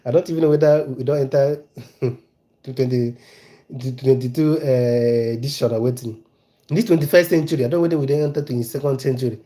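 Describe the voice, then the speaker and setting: A man's voice: fairly high pitch, darkish tone. A man with a Nigerian accent talks casually to his live-stream audience. He presses his points hard and repeats key phrases again and again. He breaks off now and then to greet viewers and answer their questions in the chat. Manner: emphatic and repetitive, hammers key phrases. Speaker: news commentary live streamer.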